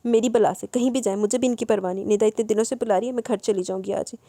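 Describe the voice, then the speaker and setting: Woman voicing a hurt stubborn young wife, mutters, mellow tone. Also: medium pitch, steady tone, dry recording, lightly acted. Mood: sulky. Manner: sulky muttering.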